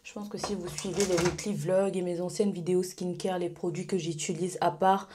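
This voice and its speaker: In a casual vlog to camera, a young woman rambles with fillers and restarts, stuffy from a pollen allergy. Her voice is lowish and level at normal speed, with background noise, as she moves from her bedroom at home to a small residence gym.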